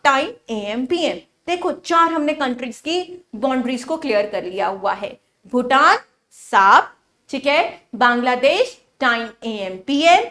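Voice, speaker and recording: A woman teaching an exam-prep lesson, repeating memory tricks and checking with quick questions whether her students follow. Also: sits high, bright, forceful tone. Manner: mixes English phrases into Hindi teaching.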